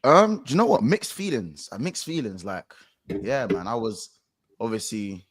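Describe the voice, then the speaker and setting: A man's voice: on the low side, expressive, normal speed, slightly rough. A man with a London accent chatting and telling stories casually on a football fan panel, repeating phrases for emphasis. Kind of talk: casual chat, storytelling.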